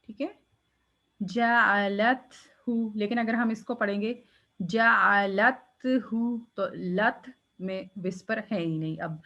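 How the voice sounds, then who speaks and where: A woman teaching Quranic recitation rules, explaining patiently and demonstrating each letter with a drawn-out, breathy release. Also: medium pitch, highs cut off. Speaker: tajweed teacher. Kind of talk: step-by-step recitation lesson.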